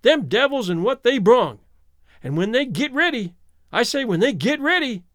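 A man's voice: very high voice, very animated, moderate pace, fairly bright tone, no room sound, clean studio sound, pitched above the performer's own voice, exaggerated voice. A man voicing a mad, terrified old townsman, ranting in rustic speech. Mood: urgent. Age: older. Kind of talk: audiobook character voice.

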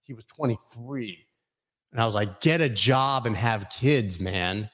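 A man in his forties hosts a crypto live stream, his medium-pitched, slightly bright voice moving a little slowly. He rambles casually and cracks jokes while reading chat comments aloud.

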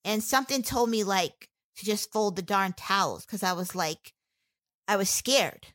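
A woman telling her own story in an interview, halting and candid, with many fillers and restarts. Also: medium pitch, expressive, a bit bright. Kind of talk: personal testimony in an interview.

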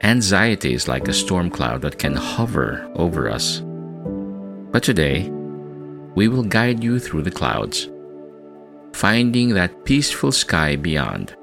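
A man with an extremely deep voice guides a meditation in a soft, soothing, spa-like hush. He speaks very slowly and leaves long, calming pauses between phrases. Gentle New-age music plays behind him. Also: gravelly.

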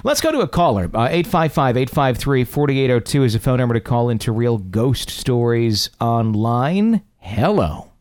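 A man's voice: mid-range voice, big pitch swings, normal speed, few pauses, a little mellow, no echo. A man hosting a talk show, speaking in a casual, conversational way into a close studio microphone.

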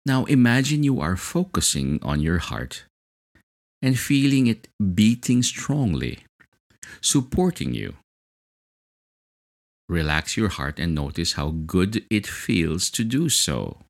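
A man with a very low voice guides a hypnosis relaxation session. He speaks slowly and soothingly, and his pitch rises and falls in a lively way. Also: creaky. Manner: slow, soothing, hypnotic delivery.

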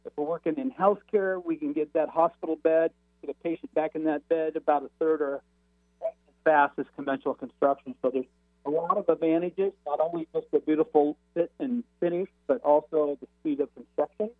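A man's voice: on the high side, fairly even intonation, a little fast, no room sound. Man on a crackly, fading phone line. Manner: hesitant, many fillers and restarts. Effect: crackly phone line that fades in and out. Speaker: radio show guest. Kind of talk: casual explaining. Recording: tinny, breaking-up phone call.

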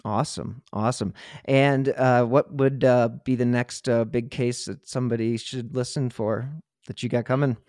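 A male podcast host with a medium-pitched, somewhat dark voice talks at a moderate pace with fairly even intonation, interviewing in a conversational way and then signing off the show. The studio-quality recording has no room sound.

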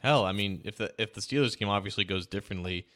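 A man's voice: fairly low pitch, fast, a bit bright. A man co-hosting a sports podcast, talking casually and telling stories with frequent restarts. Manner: chatty, storytelling, frequent restarts. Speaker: podcast co-host.

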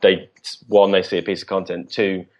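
Male podcast guest, very low voice, halting chatty delivery, muffled lo-fi sound. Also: little pitch movement, a little mellow. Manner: halting, many restarts and fillers. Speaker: guest, business co-founder. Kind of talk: casual podcast interview.

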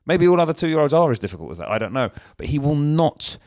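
A man co-hosting a casual chat podcast, telling animated stories and acting out exchanges with his toddler. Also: a little high, fast talker. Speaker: podcast co-host.

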